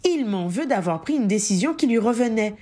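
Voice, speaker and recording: A woman's voice: a little high, expressive, fairly quick, mellow, pitched above the performer's own voice. A woman reading the lines of Harry, a wry and self-mocking grown man, in an audiobook. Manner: dry sarcastic understatement.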